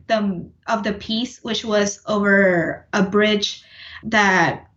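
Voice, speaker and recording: Woman, 30s, from Puerto Rico; thoughtful guest voice, middle pitch, roomy and slightly dull. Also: fairly even intonation, slow, a bit bright. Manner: thoughtful, many restarts and fillers. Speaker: composer, interview guest. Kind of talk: casual interview conversation.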